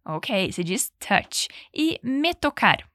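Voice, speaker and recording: A woman teaching English in a bilingual lesson, giving clear encouraging repeat-after-me drills and slowing down to model pronunciation. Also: mid-range voice, very animated, a bit bright, no echo, studio quality.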